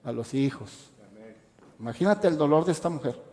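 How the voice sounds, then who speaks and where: A man's voice: fairly high pitch, lively intonation, moderate pace, warm tone. A man, preaching a radio sermon as pastor with passionate rhetorical questions. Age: adult parent. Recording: echoey hall reverb.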